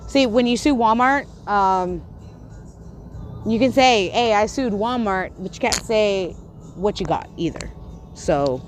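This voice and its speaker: A Texas woman who stutters and lisps, speaking fairly low with slight background noise, angrily rants at her livestream chat as a YouTuber. She swears, repeats herself, and keeps restarting sentences in a confrontational way.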